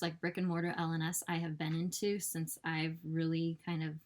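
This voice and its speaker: A woman hosting a casual cross-stitch vlog, chatty and animated, laughing often and filling with "like" and "um" as she shows her purchases. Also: on the low side. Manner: fills with "like" and "um". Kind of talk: casual show-and-tell chat.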